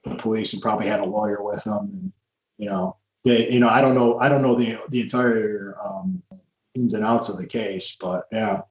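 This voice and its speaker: A man hosts a podcast interview in which a former wrestler rambles through old stories, often restarting. The talk is a casual chat. The man's voice is on the low side at a moderate pace, and the recording is muffled with a roomy echo.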